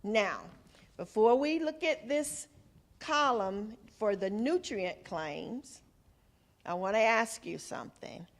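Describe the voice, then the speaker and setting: Unhurried Southern American woman giving a health talk. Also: medium pitch, animated. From Southern United States. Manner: conversational, folksy, engages listeners with questions and checks like "okay?". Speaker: nutrition workshop presenter. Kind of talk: informal health talk to a group.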